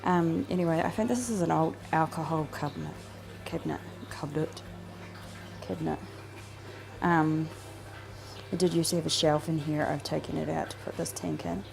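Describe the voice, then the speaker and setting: A woman with a New Zealand accent, a fishkeeping vlogger, chats casually while filming her home fish room on a handheld camera. Her voice is low and darkish with vocal fry, and she talks at a moderate pace, rambling with lots of ums and restarts.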